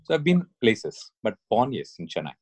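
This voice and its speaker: Man, from India, lowish voice, dry close sound, halting with fillers. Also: sing-song, darkish tone, slightly rough, no echo. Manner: hesitant, many fillers, laughs easily. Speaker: podcast guest, neurologist. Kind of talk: casual interview chat.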